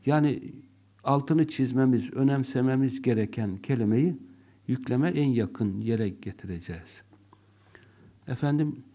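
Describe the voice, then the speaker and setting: Male teacher, slow deliberate delivery, mellow dark tone, acts out examples. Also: medium pitch. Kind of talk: classroom lesson.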